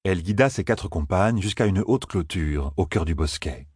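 Deep husky guy reading an audiobook, steady storyteller pace, dead dry sound. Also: dry recording. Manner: calm, measured storytelling. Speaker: narrator. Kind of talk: audiobook narration.

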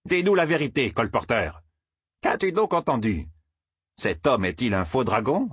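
Guy doing a cranky old roofer, shouty, voice jumps all over, husky. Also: mid-range voice, big pitch swings, moderate pace, no room sound, clean studio sound, pitched above the performer's own voice, exaggerated voice. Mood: indignant. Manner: shouting, scolding. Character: cranky old male village roofer, indignant. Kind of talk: audiobook character voice.

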